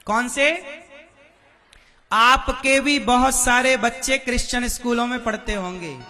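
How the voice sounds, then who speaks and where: A man's voice: extremely high pitch, measured pace, bright, forceful tone. A man preaching a devotional sermon to a live crowd, firing questions at the listeners and demanding answers. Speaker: religious preacher.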